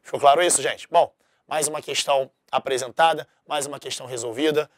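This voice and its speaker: A man's voice: medium pitch, fairly even intonation, a little fast, dry recording, clean studio sound. A man teaching a recorded exam-prep language lesson, explaining step by step and often checking that the class understood.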